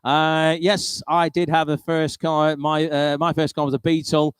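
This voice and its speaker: A British man with a fairly high, very clear voice works as an auctioneer. He rolls through lots and repeated bid figures in a practised calling style, slipping in chatty, wry remarks. The sound is close and dry. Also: flat delivery, measured pace, dry recording. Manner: informal, chatty, wry asides between bids. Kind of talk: live auctioneering, rolling bid-calling chant with repeated prices.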